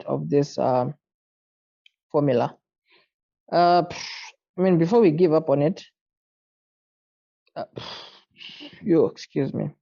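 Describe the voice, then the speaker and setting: A man tutoring maths, working through an exam paper out loud in a casual way, muttering to himself and sounding tired late at night. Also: a little high, gravelly, dull audio.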